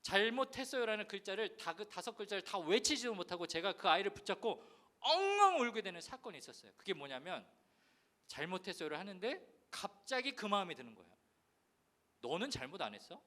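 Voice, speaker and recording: A man's voice: high voice, sing-song, fast talker, bright, forceful tone. A male pastor giving a sermon, telling a candid personal story in a confessional tone and acting out the voices in it. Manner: acts out scolding voices in his story.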